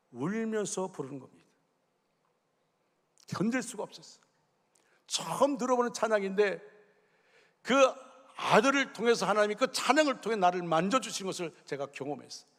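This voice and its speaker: A middle-aged man preaching a sermon as senior pastor, telling a personal story with emotion, dropping to a hush and then rising fervently. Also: sits high. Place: church sanctuary. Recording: long reverb of a church hall.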